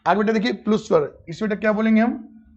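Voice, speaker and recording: A man's voice: high voice, fast talker, a little mellow. A man teaching grammar in a live online class, calling his students "beta" and answering his own questions. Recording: dull lo-fi audio.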